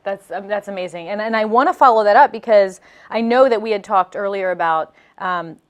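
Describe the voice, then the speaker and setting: A woman's voice: mid-range voice, brisk, clean tone. A woman hosting an interview, enthusiastic and encouraging as she asks questions. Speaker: host. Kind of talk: casual interview.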